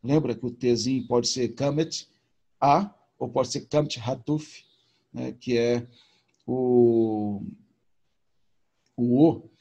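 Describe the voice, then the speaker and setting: A man's voice: medium pitch, slow pace, pauses often, mellow, slightly rough, highs cut off. A man teaching a recorded video lesson, explaining patiently and informally with repetition. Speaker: Hebrew teacher.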